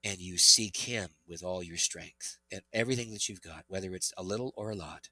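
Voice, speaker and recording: A middle-aged man, a pastor and interview guest, telling an earnest, animated testimony. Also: low voice, brisk, no echo, rough recording. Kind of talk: interview storytelling.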